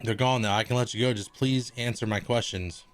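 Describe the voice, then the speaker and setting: A man with a lowish voice gives relaxed, casual commentary while streaming a video game. He thinks out loud, swears freely, and quiet game music runs underneath. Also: brisk. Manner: laid-back, swears freely, thinks aloud. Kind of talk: casual gaming livestream commentary.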